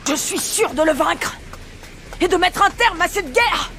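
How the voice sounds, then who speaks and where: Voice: extremely high pitch, animated, a little slow, slight background noise, heavily acted. Naruto, brash boy ninja. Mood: determined. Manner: shouty, fiery, boastful. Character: brash loud teenage boy ninja hero. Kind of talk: French anime dub. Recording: dub voice over loud soundtrack music.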